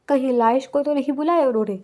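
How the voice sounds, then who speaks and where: A woman's voice: sits high, a little mellow, natural voice. A woman reading a stubborn, teasing young man. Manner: mocking, stubborn.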